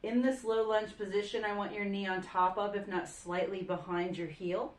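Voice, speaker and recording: A woman yoga instructor talking a class through stretches in a calm, steady voice. Her pitch sits in the middle range. The sound bounces around a roomy, echoey space. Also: normal speed. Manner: calm, steady cueing of breath and poses.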